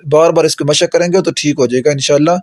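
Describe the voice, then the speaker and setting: A man's voice: a little high, steady tone, a little mellow, dry recording, clean studio sound. A man teaching Quran pronunciation, patiently drawing out and repeating each letter for his students to practise. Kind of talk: tajweed lesson.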